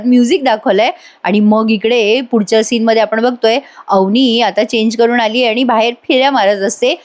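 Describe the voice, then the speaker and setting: A woman narrates a TV serial episode in a chatty, animated voice-over. Her voice sits a little high and she keeps the retelling lively. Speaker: TV serial reviewer. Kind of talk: casual voice-over episode recap. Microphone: voice-over mic.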